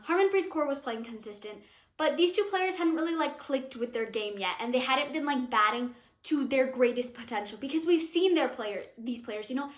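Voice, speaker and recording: A teenage girl vlogging about cricket in a chatty, excitable way, full of fillers. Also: high-pitched, echoey room. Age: teens. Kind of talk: casual cricket commentary vlog.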